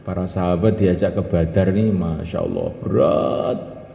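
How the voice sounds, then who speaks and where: Preacher in an echoey hall. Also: male voice, sits low, moderate pace, creaky, slight background noise. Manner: lively preaching, rhetorical questions to listeners. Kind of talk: sermon to a congregation. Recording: echoey hall, dull lo-fi sound.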